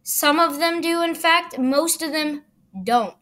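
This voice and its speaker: Sarcastic reaction host, fairly high voice. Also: female voice, slow, sharp tone. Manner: sarcastic, dismissive. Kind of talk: reaction commentary.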